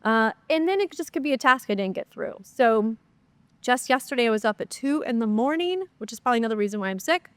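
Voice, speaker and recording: A woman runs a solo Q&A episode of her podcast, talking quickly and animatedly in a high, fairly bright, clear and resonant voice. She's chatty and upbeat, leaning on lots of fillers, though a cold leaves her slightly nasal and stuffy. The recording has no room sound.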